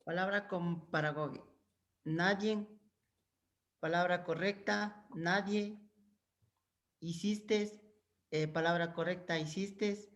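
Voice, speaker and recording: A man's voice: sits high, steady tone, slow pace, pauses often, a bit bright. An Ecuadorian man, a student, reading a definition aloud carefully in an online class. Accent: Ecuadorian Spanish. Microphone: video call.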